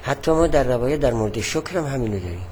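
A man teaching a religious lesson, explaining at a measured pace and repeating his key points. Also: medium pitch, lively intonation, a little mellow, slight background noise.

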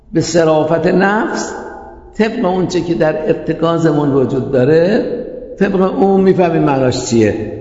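A man's voice: on the high side, dark tone. A man teaching a class, explaining step by step and checking with rhetorical questions. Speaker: teacher of Islamic jurisprudence. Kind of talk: classroom lecture. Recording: echoey hall, dull lo-fi sound.

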